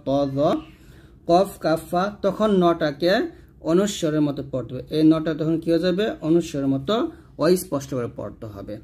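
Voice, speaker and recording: A man teaches tajweed. He explains each rule patiently, repeats the letter lists, and stretches the example words into slow chanted recitation. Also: fairly high pitch, a little mellow.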